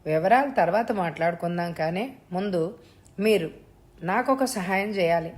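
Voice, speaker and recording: A woman's voice: on the low side, moderate pace, darkish tone, close to an everyday voice. A woman voicing a cold kidnapper man. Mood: cold menacing. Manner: cold, threatening, mockingly polite. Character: menacing male kidnapper on the phone.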